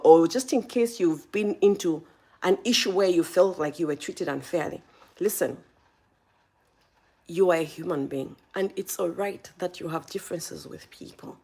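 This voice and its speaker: On her live stream, a woman from Zambia offers motivational advice in a fairly low, breathy voice. She speaks animatedly right to her audience and greets chatters by name.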